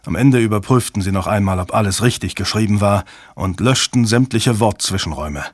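A man reading a thriller audiobook in a steady, measured narrating voice. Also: on the low side, no room sound, studio quality. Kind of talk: scripted narration.

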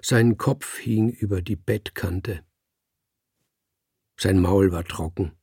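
A man reading a literary story aloud in a slow, measured narration. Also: low-pitched, darkish tone, breathy edge, no echo, studio quality.

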